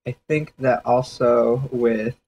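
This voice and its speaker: A man's voice: medium pitch, fairly even intonation, slow pace, a little mellow, low-quality recording. A man casually thinking aloud during a livestream sketch session, rambling and hedging with fillers as he explains his ideas. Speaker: 3D artist streaming a sketch session.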